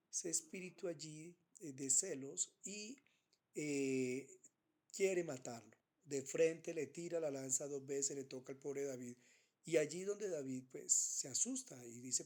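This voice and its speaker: A man giving an unscripted Bible teaching, pausing often with fillers and restarting his phrases. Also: a little high, a little mellow. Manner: hesitant, many fillers and restarts.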